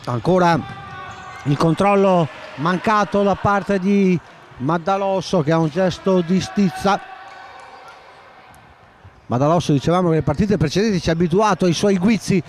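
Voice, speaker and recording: A man doing live play-by-play commentary of a futsal match, excitable and often shouting as the action builds. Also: high voice, slight background noise. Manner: excitable, shouts at key moments, names players rapidly.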